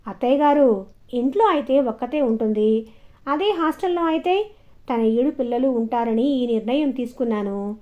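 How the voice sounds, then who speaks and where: A woman's voice: on the high side, normal speed, lo-fi sound, lightly acted. A woman voicing a sheepish widowed father. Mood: pleading. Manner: earnest, a little sheepish. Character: middle-aged widowed father, defensive and pleading.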